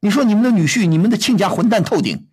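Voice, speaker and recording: A middle-aged man scolds his caller on an advice show, firing off one blunt question after another. His voice is husky and swings widely in pitch. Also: lively intonation, rapid-fire, a little mellow. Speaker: radio advice host.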